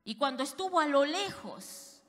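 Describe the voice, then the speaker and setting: A woman's voice: sits high, big pitch swings, moderate pace, fairly bright tone. A woman pastor preaching a fervent sermon, speaking directly to her congregation. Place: church. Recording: reverberant church hall.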